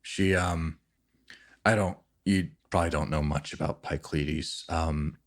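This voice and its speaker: A man with a low voice acts as game master of a tabletop role-playing game. He explains the world in an improvised, halting way, feeling out his phrases as he goes. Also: steady tone.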